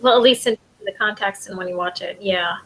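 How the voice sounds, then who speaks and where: A woman's voice: medium pitch, a little fast, a bit bright, a little hiss or hum, low-quality recording. A woman in a casual review chat, giving brief replies and laughing often, a bit farther from the mic.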